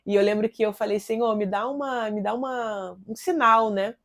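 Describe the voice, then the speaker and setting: A Brazilian woman in her thirties, speaking at normal speed in a fairly high voice with a Brazilian Portuguese accent, shares a personal faith testimony. She is earnest and conversational, often tacking on little tag questions.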